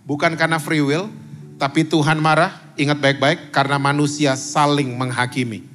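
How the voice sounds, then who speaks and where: A male pastor speaking in a somewhat high voice, preaching in a chatty way as a talk-show guest. He fires questions at the audience and drops English words into his talk. Soft music sits faintly behind him in a church meeting room. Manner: animated, quizzes the audience, mixes in English words.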